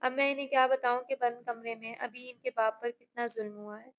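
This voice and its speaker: A playful young husband who teases his wife and daughters, as a woman reads him aloud. He jokes lightly, in a slightly high voice. The lines come from a narrated audiobook novel. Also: fairly even intonation, a little fast, a little hiss or hum, natural voice. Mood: teasing. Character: young married man, teasing and playful.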